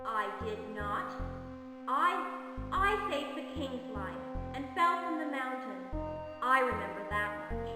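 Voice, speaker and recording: High, slow young maiden in a cave echo. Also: female voice, expressive. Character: young maiden just woken from near death. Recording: heavy cave echo, long reverb, game music.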